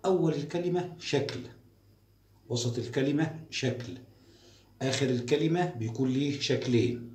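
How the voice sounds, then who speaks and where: A man, teaching the alphabet to first graders in a slow, repetitive drilling style. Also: mid-range voice, a little mellow. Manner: slow, drawn-out syllables and repeated drills. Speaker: primary school teacher. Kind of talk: recorded classroom lesson for young children. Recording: echoey room, voice off-mic.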